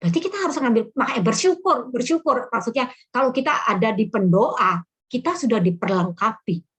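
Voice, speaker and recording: Middle-aged woman preacher, husky and fairly high, storytelling testimony. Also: lively intonation, brisk. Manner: storytelling with chuckles and acted quotes. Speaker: prayer minister. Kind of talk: sermon testimony.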